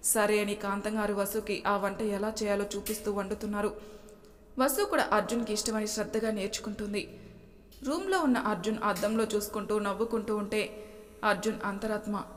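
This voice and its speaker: A woman telling a story in a steady, expressive way, at a middle pitch. A long reverb trails after her words. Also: brisk, a little hiss or hum. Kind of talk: narration of an audio story.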